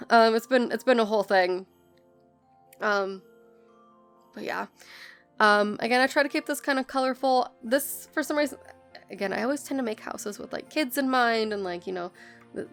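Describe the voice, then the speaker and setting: American woman, sick with bronchitis, rough gravelly voice, loose rambling voice-over, faint music underneath. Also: mid-range voice. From United States. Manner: rambling, lots of ums, self-correcting. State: hoarse from bronchitis, coughing. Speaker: game builder narrating a speed build. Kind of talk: casual chatty voice-over. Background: soft background music.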